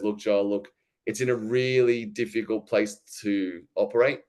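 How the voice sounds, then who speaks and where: Man, 30s, low voice, clear and smooth tone, casual candid storytelling. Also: darkish tone. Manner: candid, informal, many fillers and restarts. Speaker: podcast host telling his own story.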